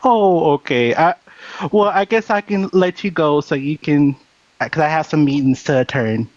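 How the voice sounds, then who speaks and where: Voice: mid-range voice, normal speed, no room sound. A caller playing a rich investor in improvised comedy, speaking in a posh, genteel way. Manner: posh, genteel, repeats "my dear". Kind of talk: improvised comedy role-play. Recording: dull, dry call audio.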